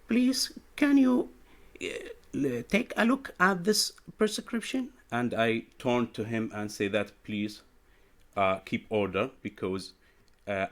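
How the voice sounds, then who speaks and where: A man, speaking hesitant, halting English full of fillers while telling a story in an online group discussion over a video call. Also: fairly low pitch. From Iraq.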